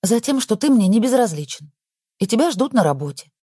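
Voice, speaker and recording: A male narrator voicing a caring young woman who speaks softly and gently. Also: high voice, very animated, fairly quick, slightly rough, dry recording, studio quality, pitched above the performer's own voice, exaggerated voice. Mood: gentle. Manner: soft, pleading.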